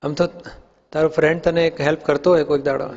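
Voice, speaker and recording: A man's voice: fairly high pitch, level tone, fast, darkish tone. A man, a spiritual teacher, leading a question-and-answer talk with young people, patiently questioning them and using everyday examples. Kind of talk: question-and-answer discourse for youth. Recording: dull sound in an echoey hall.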